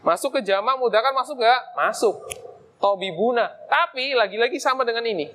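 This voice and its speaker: Man, high voice, casual mosque lesson, talks through steps, asks and answers himself. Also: lively intonation, fairly quick, a bit bright, slight background noise. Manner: casual explaining, quizzes himself aloud. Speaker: Arabic teacher.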